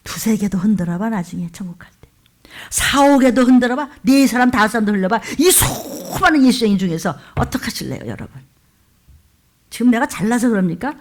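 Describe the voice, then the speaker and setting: A woman pastor preaching a fiery sermon, scolding her listeners with sharp rhetorical questions. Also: on the high side, expressive, brisk.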